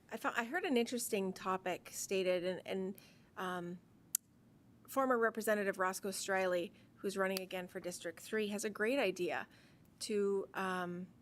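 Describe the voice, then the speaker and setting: A woman's voice: medium pitch, slight background noise. Direct-talking woman candidate. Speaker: mayoral candidate. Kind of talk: debate answer.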